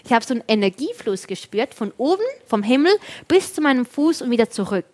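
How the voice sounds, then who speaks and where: Young woman, casual chat, lively animated storyteller, voices others in quick asides. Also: on the high side. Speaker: storyteller in a conversation.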